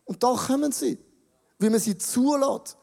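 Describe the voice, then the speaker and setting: High-voiced Swiss German preacher man. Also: measured pace, vocal fry, darkish tone. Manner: emphatic, addresses the congregation directly. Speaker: pastor. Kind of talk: sermon.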